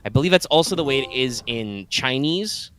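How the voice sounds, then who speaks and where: Another co-host on the live gaming stream speaks at a medium pitch, expressive and moderately paced with a slightly bright sound. His loose chat over the game wanders through explanations, full of "like" and "uh," with the odd curse word.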